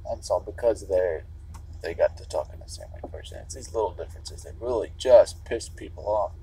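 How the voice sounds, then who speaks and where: This is a Chicago-area man's meandering livestream monologue from behind the wheel, loaded with swearing and restarted sentences. The voice is low, brisk and dark, on a rough recording with slight background noise.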